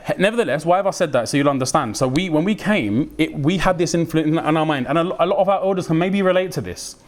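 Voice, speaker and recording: British male preacher, lively and slangy, slightly high voice, acts out quoted voices. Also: fast. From United Kingdom. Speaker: Islamic preacher. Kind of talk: religious talk.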